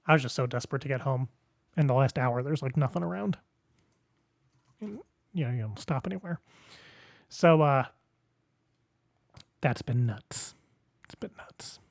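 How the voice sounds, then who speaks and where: A man's voice: mid-range voice, moderate pace, creaky, pauses often, dry recording. A young man hosting his own podcast, rambling casually through the sign-off with goofy asides and sing-song fillers, a bit out of breath. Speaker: podcast host.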